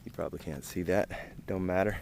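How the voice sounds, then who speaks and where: An American man chats casually to viewers while out on a long run, sounding tired and pausing as he talks. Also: low voice, fairly even intonation, darkish tone. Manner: talking while out on a long run, with pauses and breaks for breath. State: tired from running. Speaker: running vlogger. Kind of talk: casual vlog chat to viewers. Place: outdoors on rural roads. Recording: clear outdoor ambient noise.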